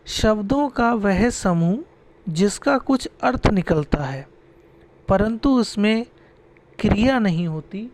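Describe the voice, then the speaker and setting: A man's voice: high voice, darkish tone, a little hiss or hum. A male grammar teacher who dictates definitions word by word, repeats them, then explains them in Hindi, checking in with short asides. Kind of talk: classroom-style grammar lesson.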